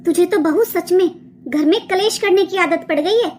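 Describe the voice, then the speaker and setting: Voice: very high-pitched, normal speed, darkish tone, slight background noise. A voice actor doing a nagging cartoon mother-in-law. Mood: scolding. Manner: nagging, accusing. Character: scolding middle-aged mother-in-law, controlling and complaining. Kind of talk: cartoon dubbing.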